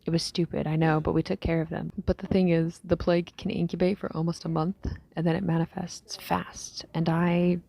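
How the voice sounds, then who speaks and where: A woman performs a scripted diary entry as a tired young survivor in a fictional audio drama, her low, dark, mellow voice heavy with fry. She muses haltingly and quietly, phrases fading breathily, pitch barely shifting, on a rough recording. The mood is bitter and worried.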